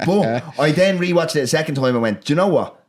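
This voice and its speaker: A man's voice: on the high side, lively intonation, brisk. A man with a Dublin Irish accent hosting a film podcast in an informal, sweary, chatty way. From Ireland. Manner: informal, sweary, often tagging on "do you know what I mean". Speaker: podcast host. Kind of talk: casual film discussion.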